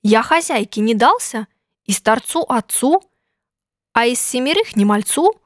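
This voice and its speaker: A woman's voice: fairly high pitch, very animated, measured pace, no echo, clean studio sound. A woman voicing a boastful runaway pancake that brags in a sing-song way about escaping everyone.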